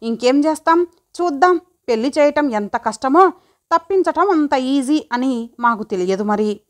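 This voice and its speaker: A woman narrating a first-person audio story in a lively, chatty way. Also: high voice, normal speed.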